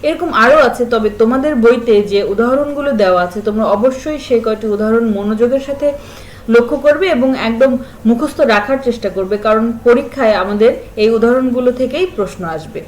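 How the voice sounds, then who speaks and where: Woman teacher, fairly high voice, slow careful word lists, faint hiss behind. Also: low-quality recording. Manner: slow, careful listing of example words; stresses and repeats sounds to show pronunciation. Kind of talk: spelling lesson for school pupils.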